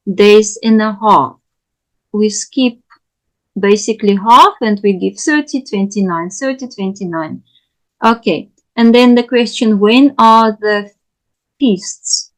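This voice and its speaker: Slow, halting woman lecturer. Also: fairly high pitch, rough recording. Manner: halting, with frequent fillers and self-corrections; patient, explanatory. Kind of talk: unscripted teaching lecture.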